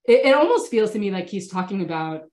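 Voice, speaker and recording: A woman in her thirties, a rabbi, holds a casual online class from her home study and responds to chat questions over a laptop webcam video call. Sniffly from a cold, she talks fast in a sing-song, mid-range voice. She's thoughtful and warm with participants, often restarting her sentences hesitantly. The webcam recording sounds roomy.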